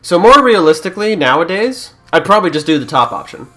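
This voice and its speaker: A man's voice: a little high, very animated, quick pace, sharp tone, faint music behind. A young Canadian man who is a YouTuber, chatting casually through a let's-play, joking and reading game prompts aloud.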